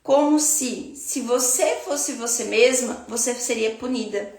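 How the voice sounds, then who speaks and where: Slow, high-voiced woman teaching spirituality. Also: roomy sound, very noisy. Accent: Brazilian Portuguese. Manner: slow, reflective, addresses listener directly. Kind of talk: spiritual self-help talk.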